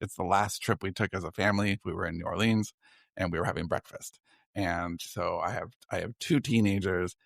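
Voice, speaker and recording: A man's voice: sits low, fairly even intonation, a little fast, gravelly, no room sound, clean studio sound. A man in his forties, a writer and podcast guest, telling a story in a loose, self-deprecating, chatty way. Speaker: guest, science fiction writer. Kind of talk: casual storytelling in conversation.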